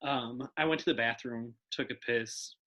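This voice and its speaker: A man's voice: mid-range voice, normal speed, bright, forceful tone, lo-fi sound. A young man, a podcast guest, chatting casually and rambling with lots of fillers and laughs. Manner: rambling, filler-heavy, giggly. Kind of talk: casual chat.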